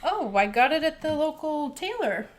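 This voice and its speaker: Chatty game master woman, fairly high voice. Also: very animated, normal speed. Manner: chatty, laughing. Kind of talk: narrating a tabletop game.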